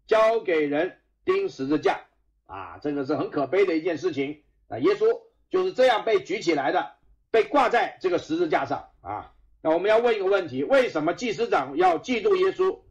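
A male pastor preaching a sermon, often starting phrases with "ah", asking rhetorical questions and reading scripture passages aloud. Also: sits high. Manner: frequent "ah" fillers, emphatic rhetorical questions.

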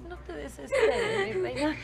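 A woman's voice: very high-pitched, expressive, unhurried, creaky, heavily acted. An actress playing an anguished middle-aged mother, pleading and distressed. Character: anguished mother, wronged wife. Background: soap opera background music.

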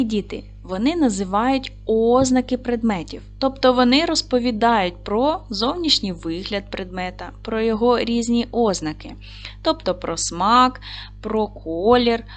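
A woman with a Ukrainian accent teaches young children in a video lesson, speaking slowly and patiently. Her pitch rises and falls with lively emphasis as she reads word lists aloud and praises the class. Faint music plays in the background. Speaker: primary school teacher.

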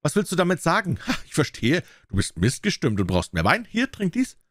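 A man's voice: medium pitch, big pitch swings, a little fast, no room sound, voice pushed up. A man voicing a cruel, boisterous tyrant king in an audiobook, bellowing and mocking. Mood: furious. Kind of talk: audiobook character voice.

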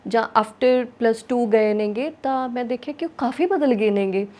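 A woman's voice: on the high side, normal speed, darkish tone. A woman interviewer with a Punjabi accent, talking conversationally in long, chatty questions with frequent tag questions.

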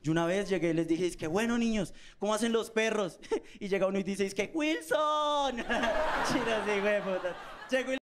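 High-voiced Colombian comic on stage. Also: male voice, fairly quick. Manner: slangy storytelling with acted-out voices. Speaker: stand-up comedian. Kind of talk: live stand-up set. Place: comedy stage with a live audience. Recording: live stage recording with crowd laughter and noise.

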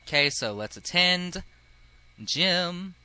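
A man's voice: high voice, animated, takes it slowly, bright, forceful tone, clean tone. A man casually commenting as he plays through a dating game, chatty and giggly. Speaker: let's play host.

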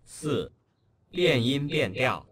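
A man on a textbook recording, reading practice words with deliberate, carefully spaced syllables. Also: mid-range voice, animated, a bit bright, slight background noise. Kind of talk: slow pronunciation drill.

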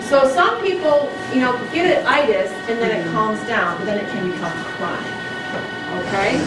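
A woman giving a conversational classroom lecture, often asking the class "right?". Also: a little high. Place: large darkened lecture room. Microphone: distant camera in the audience. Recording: echoey room, voice from far off, noisy.

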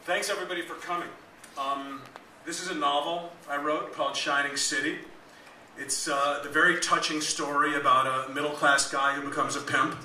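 Author reading live in a small club, deadpan, bright crisp voice, echoey room. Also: male voice, a little high, moderate pace, slight background noise. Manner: dry, deadpan asides. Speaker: author reading his novel. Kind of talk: live comic fiction reading. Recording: echoey club, mic at a distance.

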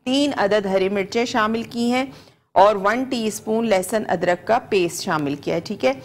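Wearing a lapel mic in a studio kitchen, a woman in her forties gives a live TV cooking demonstration. Her voice is medium-pitched with a Pakistani Urdu accent, and she talks at a normal speed, patiently going over each step and repeating every ingredient.

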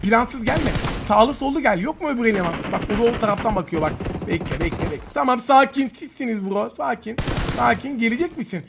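A man giving live gameplay commentary, excitable and taunting his opponents while he talks to viewers. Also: very high voice, fairly quick, vocal fry, noisy background. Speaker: gaming YouTuber. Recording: game gunfire loud behind voice.

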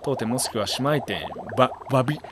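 A man doing let's play commentary, chatting jokingly to himself and bursting into loud startled yells. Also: medium pitch, fast, background noise. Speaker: game commentator. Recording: loud game sound behind the voice.

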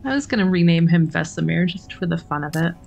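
Speaking fast and animatedly, a woman with a lowish, slightly mellow voice and some vocal fry chats her way through a video game. As a gaming streamer, she rambles in casual let's-play style and teases herself, with game music in the background.

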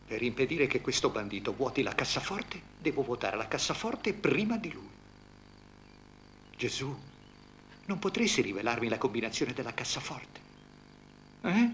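An actor dubbing a timid, jittery country priest into Italian, fretting aloud and exclaiming to himself. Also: male voice, medium pitch, sing-song, normal speed, long pauses, a bit bright, slight background noise. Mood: fretful. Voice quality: fretful, whining exclamations. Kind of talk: Italian film dub.

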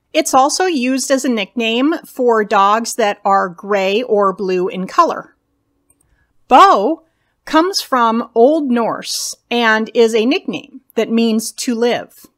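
A woman hosting a video, reading through a list of names and their meanings in a slow, measured way. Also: a little high, fairly bright tone. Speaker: video host.

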